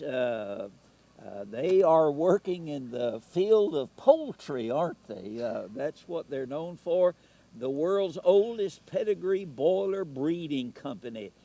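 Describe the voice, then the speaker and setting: A man's voice: a little high, sing-song, slow, dark tone. A man, reading out sponsor greetings on a live parade broadcast in a folksy, chatty way. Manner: folksy, chatty, laughs between lines.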